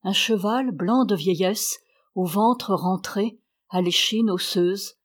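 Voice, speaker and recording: Woman reader, calm literary audiobook narration, medium pitch. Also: slow.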